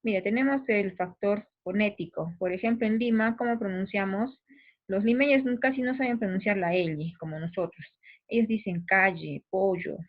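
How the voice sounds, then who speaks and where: A woman's voice: mid-range voice, normal speed. A woman teacher with a provincial Peruvian accent explains the material patiently and speaks directly to her students. She often restarts her sentences as she works toward each point. Her voice sits in an ordinary mid range and comes through thin and tinny, like a phone line. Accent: Peruvian provincial Spanish. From Peru. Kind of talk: recorded class explanation.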